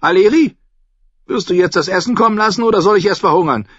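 A man voicing a sharp-tongued old noblewoman who mocks everyone bluntly and chattily. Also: sits high, fast, slightly rough, no echo, pitched above the performer's own voice. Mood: tart mocking. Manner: cutting, scornful, chatty. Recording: dull, dry audiobook recording.

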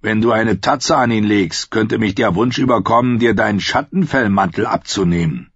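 A man voicing a big, blustering old wildling chief who talks bluntly and boomingly. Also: moderate pace, husky, no room sound. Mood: gruff. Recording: slightly dull, dry recording.

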